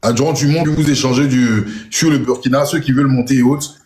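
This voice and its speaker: A man from Côte d'Ivoire with an Ivorian accent, hosting a live audio panel in a relaxed, chatty way. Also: medium pitch, brisk, echoey room. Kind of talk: casual live chat.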